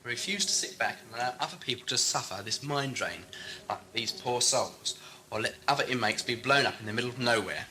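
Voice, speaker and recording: A man's voice: mid-range voice, brisk, sharp tone, lightly acted, poor audio. A man playing an inquisitive, moralising time-travelling adventurer in a science fiction audio drama, with a wry, questioning, theatrical delivery. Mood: indignant. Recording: faint hum and noise, amateur tape.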